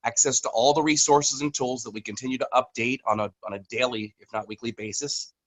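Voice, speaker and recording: A man's voice: mid-range voice, fairly even intonation, brisk, a bit bright, rough recording. A man, a company communications executive, giving a casual, rambling business update on a video call, with many fillers and restarts.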